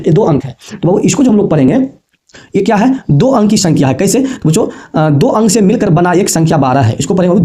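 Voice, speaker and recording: "Babu" and "bachchon" are the affectionate names a man uses for his students as he walks them through a simple maths lesson. His voice sits high and mellow, and he repeats points patiently.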